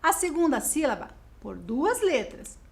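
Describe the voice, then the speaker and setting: A Brazilian woman teaching a video lesson to schoolchildren, explaining slowly and spelling out words clearly. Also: sits high, very animated. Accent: Brazilian Portuguese.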